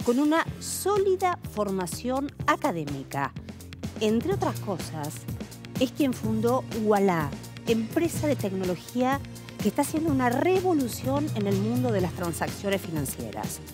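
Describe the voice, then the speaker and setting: A woman hosting a TV interview, asking questions with lively turns and short replies. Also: mid-range voice. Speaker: TV interview host.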